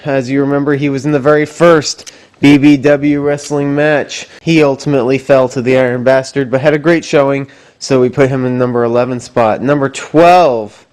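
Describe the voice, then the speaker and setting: A man's voice: on the high side, darkish tone, clear, resonant tone. A man hosting a wrestling show, announcing in promo style with emphatic, dramatic stress like a showman.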